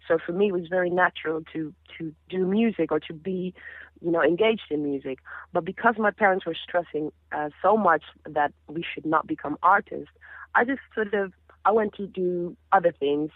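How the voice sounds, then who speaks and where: A lowish female voice at normal speed, recorded dry over a phone line, belongs to a Caribbean singer in her thirties whose native tongue is Papiamento. In a casual interview as a guest, she tells stories with animation and frequent restarts.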